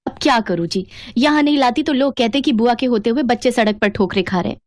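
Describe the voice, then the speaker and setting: A woman's voice: fairly high pitch, fast talker, natural voice. A woman voicing a complaining, cold-hearted aunt in a cartoon story. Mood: grudging.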